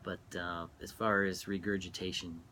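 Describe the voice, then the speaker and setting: A middle-aged man talking casually and reflectively while smoking, halting and trailing off between phrases as he reminisces. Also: deep voice, little pitch movement, bright, forceful tone, slight background noise. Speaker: vlogger. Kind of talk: casual rambling monologue, reminiscing.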